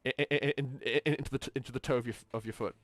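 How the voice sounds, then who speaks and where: A man's voice: mid-range voice, steady tone, very fast. A man narrating as game master, often stumbling and restarting his words. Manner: stammering, frequent restarts.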